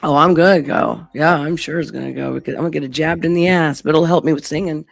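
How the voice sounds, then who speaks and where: Woman streaming casually, losing her voice, gravelly and hoarse, swears a bit, faint music in back. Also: low-pitched, steady tone, fast talker, no room sound. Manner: blunt, sweary. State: losing voice from laryngitis. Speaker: live stream host. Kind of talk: casual live stream commentary.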